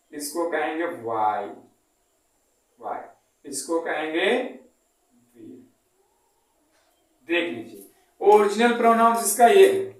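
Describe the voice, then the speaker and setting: A man's voice: a little high, very echoey, distant mic, poor audio. A man teaching an English lesson. He spells words out letter by letter, and he keeps asking the class questions and then answering them himself.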